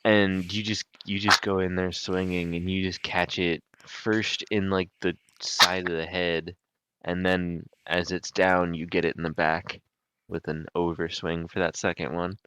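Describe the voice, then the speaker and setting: Deep-voiced joking game master, man. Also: level tone, a little slow, sharp tone, slight background noise. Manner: hesitant, full of ums, joking sports-style commentary. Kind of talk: narrating a tabletop game.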